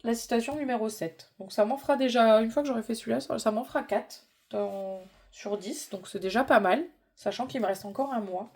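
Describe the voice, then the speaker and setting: A woman's voice: on the high side, fairly quick, hardly any pauses, darkish tone. A middle-aged woman chatting casually in a hobby vlog, informal and rambling as she thinks aloud. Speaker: vlogger.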